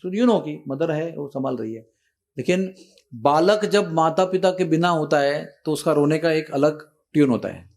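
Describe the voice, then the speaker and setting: A man telling a devotional story in a sermon, animated and switching between Hindi and English. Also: a little high, unhurried, gravelly. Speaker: spiritual teacher.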